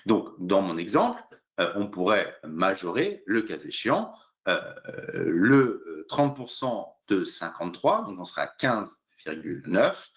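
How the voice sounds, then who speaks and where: A lawyer with a deep, very animated male voice gives a semi-improvised explanatory talk in a legal webinar. He teaches step by step at a measured pace, hesitating often and using many fillers. The audio is dull.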